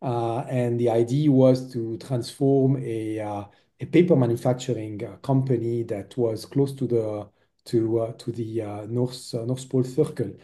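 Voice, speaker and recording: A man in his forties from Lebanon speaks as a podcast guest, his voice very dark and mellow. He talks at a middle pitch, pausing often and filling gaps with hesitant sounds. His delivery is relaxed and conversational. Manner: hesitant, many filler sounds. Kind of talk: interview conversation.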